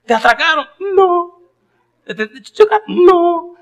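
A woman's voice: sits high, very animated, fast, muffled recording, voice pushed up. A man voicing a worried mother who shrilly questions her grown son. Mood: frantic.

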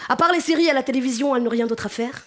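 A woman from the Paris suburbs with a suburban Paris accent, doing a stand-up comedy set on stage and talking directly to the audience in an animated, chatty way. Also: sits high, very fast. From France.

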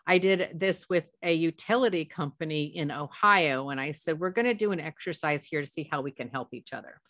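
A woman's voice: low-pitched, fairly quick, fairly bright tone, no echo, studio quality. A middle-aged woman presenting a webinar through a headset mic, talking conversationally with stories and frequent self-corrections. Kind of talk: professional development webinar talk.

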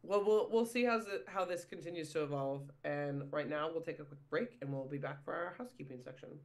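Chatty, fairly high-voiced podcast host man. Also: brisk. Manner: chatty, self-deprecating, says "if you will" often. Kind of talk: casual sports podcast chat.

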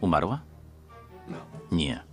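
A man reading a voice-over translation of a series in an even, detached way. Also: sits low, extremely slow, soft background music. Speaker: voice-over reader. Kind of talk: flat Polish voice-over reading.

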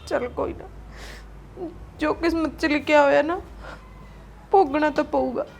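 An actress playing a patient, childless young wife who pleads softly with her family. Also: high-pitched, fairly even intonation, measured pace, gravelly, slight background noise. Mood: sad. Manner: pleading, soft-spoken. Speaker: actor. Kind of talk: Punjabi short film acting.

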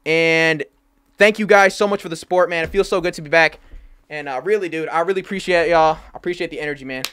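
A young man hosting a livestream, talking fast and slangy while thanking donors. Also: a little high, fairly bright tone, smooth. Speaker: livestream host. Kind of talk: casual livestream chat.

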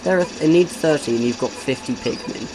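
A man chatting through a video game in a loose, rambling way, joking as he goes. His voice sits at an ordinary middle pitch. A steady hiss of noise runs under it. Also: a little fast. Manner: rambling, joking, breaks into bits of song and impressions. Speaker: game commentator. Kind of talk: casual let's-play commentary. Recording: noisy home recording.

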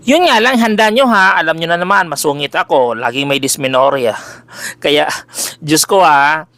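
A man with a big, loud voice who runs a folk-healing page, talking casually and animatedly to his followers with jokey exclamations. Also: a little high, expressive, normal speed, no echo. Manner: chatty and exclamatory, switching between Tagalog and English, jokey asides. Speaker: folk healer selling remedies, page owner. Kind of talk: casual direct-to-camera address to followers.

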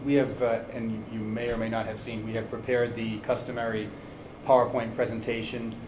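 A man, a town official, addressing the board in a measured way with some hesitant fillers, recorded in a meeting room. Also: on the low side, level tone. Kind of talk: formal meeting remarks. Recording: echoey room with noise.

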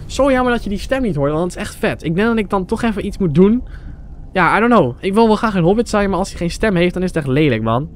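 A young Dutch man casually commentating his gameplay for viewers, excitable and chatty, often tossing in English phrases. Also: high voice, fast, a little hiss or hum. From Netherlands. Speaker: gaming YouTuber. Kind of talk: Let's Play commentary.

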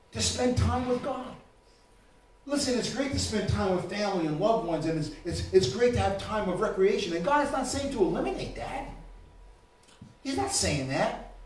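A man preaches with a very high voice, dropping low and quiet, then climbing into shouts. He is heard from a distance in a church that rings with heavy echo. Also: a little hiss or hum. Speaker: pastor. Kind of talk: sermon. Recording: echoey church room, mic far off.

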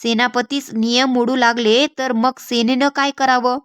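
A playful, bossy young boy plays at being a minister in a children's game, speaking in a teasing, mock-formal tone as a woman reads him aloud in a fairly high voice. The sound is dry and close, with no room echo. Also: level tone, measured pace, fairly bright tone, clear, resonant tone.

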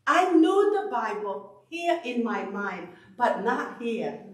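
A middle-aged woman from Tonga preaching a sermon into a handheld mic in a church sanctuary, animated and emphatic, often repeating herself. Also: a little high, slow. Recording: echoey hall, far from the camera.

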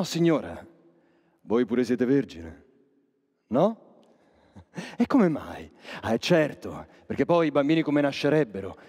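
An actor playing a sly, cynical chapel master, speaking a theatrical monologue straight to the audience in a sardonic, declamatory manner. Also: male voice, on the high side, darkish tone. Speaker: stage actor. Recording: long reverb of a stage hall.

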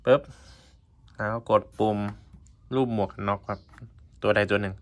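A man with a lowish voice talks at a normal speed, giving a casual, hands-on product tutorial as a vlogger. He explains step by step in short, informal phrases.

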